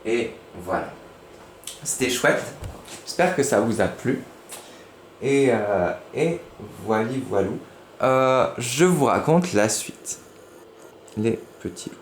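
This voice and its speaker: A man giving a lively lesson to young children, using playful voices. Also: mid-range voice, slow, pauses often. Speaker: teacher. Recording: echoey room with faint noise.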